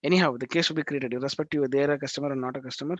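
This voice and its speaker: A man teaching a live online class over a video call, talking in halting bursts with restarts and frequent check-ins with his students. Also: medium pitch, steady tone, no echo. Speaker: instructor. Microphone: video call microphone. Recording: dull lo-fi call audio.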